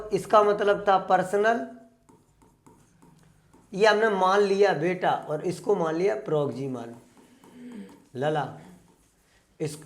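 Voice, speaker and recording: A man teaching an online exam-prep class. He keeps asking his students questions, answers them himself, and calls them "beta". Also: high-pitched.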